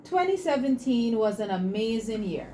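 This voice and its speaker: A woman's voice: on the high side, big pitch swings, moderate pace, warm tone, slight background noise. A woman from Aruba and Saint Martin with a Caribbean accent, speaking as an interview guest in an emphatic, motivational, promotional way. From Caribbean, born on Aruba, raised mostly on Saint Martin. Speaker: guest, entrepreneur presenting an invention. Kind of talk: interview talk with a promotional pitch.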